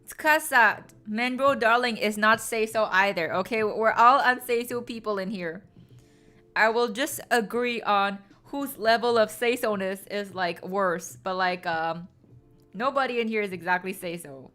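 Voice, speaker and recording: A young woman with a medium-pitched, sharp voice chats with her viewers at a measured pace, teasing them in a playful, sarcastic way. Her talk is casual and packed with "like," set against faint background music.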